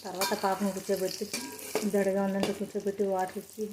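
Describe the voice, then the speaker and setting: Fast-talking woman cooking over sizzling pan. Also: mid-range voice, completely flat delivery, noisy background. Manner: chatty, explains each step to viewers. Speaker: cooking vlogger. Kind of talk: casual cooking demonstration. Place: home kitchen. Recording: frying sizzle behind the voice. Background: frying and stirring sounds.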